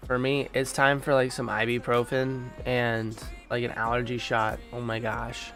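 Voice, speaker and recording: A young man hosts a live stream, chatting in laid-back slang and sounding nasal and stuffed-up from allergies. His mid-range voice barely moves in pitch, keeps a measured pace and a fairly bright tone, with faint music in the background.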